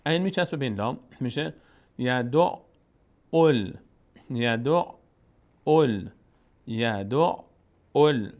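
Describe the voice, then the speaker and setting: A man with an Afghan Dari accent teaching how to read Quranic letters, patiently repeating syllables slowly and drawing them out. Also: medium pitch, lively intonation, darkish tone. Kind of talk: slow step-by-step recitation lesson.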